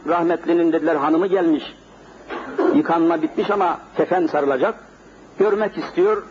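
A middle-aged male preacher giving a sermon in a mosque, telling a story vividly and speaking directly to his congregation. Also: high voice. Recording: dull lo-fi sermon recording, faint noise.

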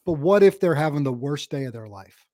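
A man's voice: a little high, expressive, fairly quick, warm tone, no echo, studio quality. A man hosting a podcast interview, friendly and affirming, casually calling his guest "man" and "bro.". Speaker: podcast host.

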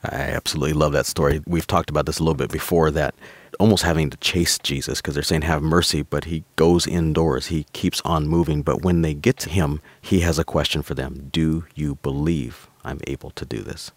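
A man's voice: very deep voice, fairly even intonation, a little fast, dry recording. A man, a pastor and author, guesting on a faith podcast, explaining scripture in an enthusiastic conversational way. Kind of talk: conversational teaching.

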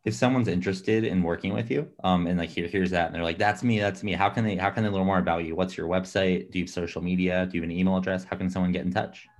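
A man hosting a podcast, asking casual, informal interview questions in quick strings, with startup-community lingo. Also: deep voice, fairly even intonation. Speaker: podcast host.

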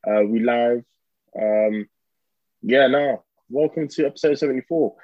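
A man hosts a podcast in a casual London accent with roadman slang. His pitch is mid-range. The sound is dry and slightly lo-fi. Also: measured pace, no echo. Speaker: podcast host. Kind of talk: casual chat.

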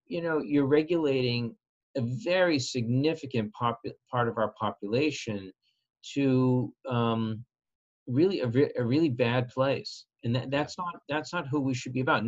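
Earnest man, slightly dull recording. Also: medium pitch. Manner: earnest, measured, repeats opening words. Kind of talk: conversational interview.

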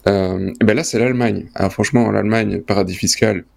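A man's voice: fairly low pitch, fairly even intonation, fairly quick, gravelly, a little mellow. A man, co-hosting a casual podcast chat and rambling along with lots of slang and fillers. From Belgium. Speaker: co-host.

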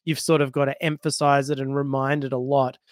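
Smooth-voiced man in lively tech chat. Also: medium pitch, no echo, studio quality. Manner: animated, quick to laugh. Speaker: podcast co-host.

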